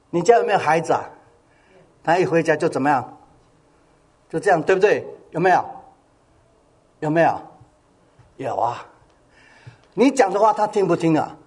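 A man's voice: high voice, breathy edge. An older male pastor preaching a sermon, asking his congregation questions and drawing answers back from them. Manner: call-and-response with the congregation, animated.

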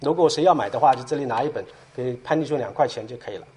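A man speaking at church, retelling a story as a sermon in an animated way and dotting his talk with filler sounds. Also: medium pitch, rapid-fire, slightly rough.

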